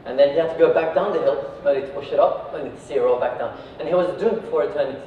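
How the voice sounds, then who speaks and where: A company founder from Iraq gives an informal, conversational talk to an audience, often checking in with tag questions like "right" and "yeah." His voice is a little high and rapid-fire. It's recorded from a distance in an echoey indoor venue, so the sound is dull with faint noise.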